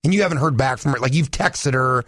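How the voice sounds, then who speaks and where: A man's voice: medium pitch, quick pace, a bit bright, no room sound. A man co-hosting a radio show, asking questions in a casual conversational style.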